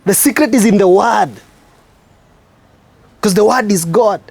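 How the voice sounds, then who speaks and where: A man with a Kenyan accent, a spoken word artist hosting his show, giving a preachy, reflective monologue with slow, emphatic stresses. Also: sits high, creaky, darkish tone, dry recording.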